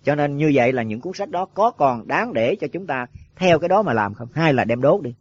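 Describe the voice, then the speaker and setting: A man's voice: fairly high pitch, expressive, a little fast, husky. A man giving a rambling dharma talk to monks, full of filler words and rhetorical questions. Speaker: Buddhist monk teacher. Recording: dull lo-fi dry recording.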